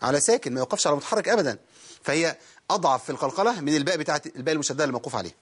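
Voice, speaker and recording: A man with an Egyptian Arabic accent teaching Quran recitation in a TV studio lesson, quizzing viewers quickly and then drawing out the words slowly. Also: on the high side, expressive, slightly rough.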